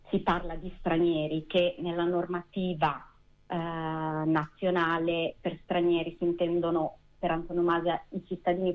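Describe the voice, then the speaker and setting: A woman lawyer, a guest on a radio interview, talking over a tinny phone line in measured, precise legal phrasing. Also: lowish voice. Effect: speaking over a phone line.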